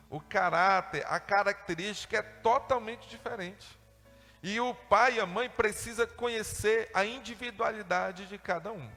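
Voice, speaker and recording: High-voiced preacher man in a reverberant hall. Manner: animated, acts out family dialogues in high voices. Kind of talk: sermon. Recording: long hall reverb with faint music.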